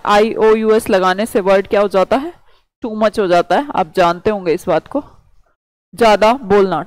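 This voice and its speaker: A woman's voice: mid-range voice, darkish tone, dry recording, low-quality recording. A woman teacher giving a vocabulary lecture, explaining words by asking questions and answering them herself.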